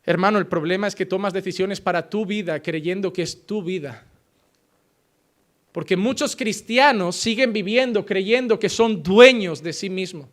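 Un pastor que predica un sermón y representa las preguntas de los fieles, alternando exclamaciones fuertes con frases bajas y tranquilas. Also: male voice. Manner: preaching with sudden swings from loud exclamations to quiet, low statements; acts out questions from church members in a quick exchange. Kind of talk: sermon.

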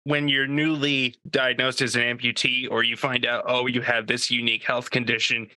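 A man's voice: medium pitch, little pitch movement, normal speed, pushed and bright, no room sound. A man hosting a podcast interview, enthusiastic and friendly as he responds to his guest. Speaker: podcast host. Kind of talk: casual interview chat.

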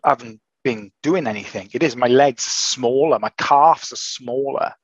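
A man recovering from an illness, talking in casual chat as a podcast host, halting and restarting often. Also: mid-range voice, slightly rough, dry recording, lo-fi sound. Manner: hesitant, halting with many restarts.

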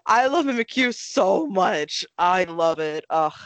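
A woman's voice: fairly low pitch, lively intonation, slow pace, no room sound, low-quality recording. A woman hosting a casual podcast chat, gushing with enthusiasm and laughing often. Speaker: podcast host.

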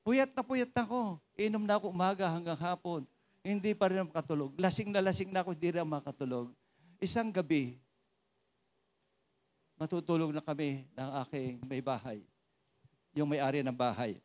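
A man preaching to a congregation, his voice pitched high for a man. He tells his testimony in an animated, joking way, calls for raised hands and slips between Tagalog and English. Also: fairly quick, long pauses. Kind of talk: sermon with personal testimony.

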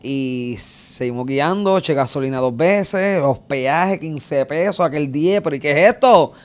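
A man's voice: fairly high pitch, a little slow, clear, resonant tone, no echo. A man, telling a road-trip story in casual chat and acting it out with sound effects. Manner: animated, acts out scenes with sound effects.

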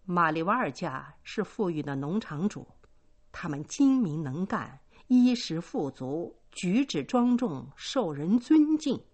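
Slow, expressive woman reading a story. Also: sits low. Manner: expressive, measured. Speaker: narrator.

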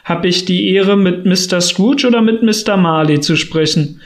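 A man reading an audiobook, voicing a stout, polite gentleman who speaks in a formal, courteous way. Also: high voice, moderate pace.

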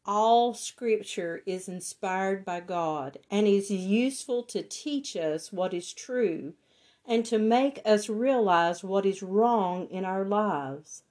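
Hoarse and raspy from laryngitis, a woman with a medium-pitched, darkish voice teaches a Bible lesson and reads scripture deliberately.

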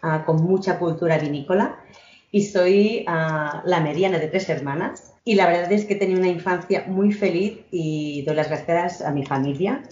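A woman's voice: on the low side, moderate pace. Reflective woman in her thirties, roomy lo-fi sound. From Catalonia, Spain. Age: 30s. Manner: warm, reflective, many fillers and restarts. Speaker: guest, entrepreneur. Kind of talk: conversational interview.

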